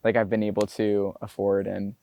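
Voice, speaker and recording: Dark-toned and creaky, this lowish male voice is delivered completely flat at normal speed, with a little hiss or hum in the audio. The speaker is a twenty-something from the United States, a botanist and climber profiled in a documentary interview, talking loosely and reflectively with many "like" fillers.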